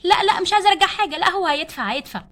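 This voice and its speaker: A shopping-mad wife doll from a doll play story, pleading and scolding her stingy husband. Her Egyptian Arabic comes very high and very fast. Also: animated, fairly bright tone. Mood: bickering. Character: spendthrift wife doll who loves dresses.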